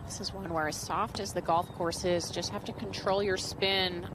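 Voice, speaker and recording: A woman's voice: fairly low pitch, steady tone, moderate pace. A woman giving live golf commentary as an analyst, in short, clipped analytical remarks. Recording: noisy outdoor broadcast ambience. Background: outdoor golf course ambience.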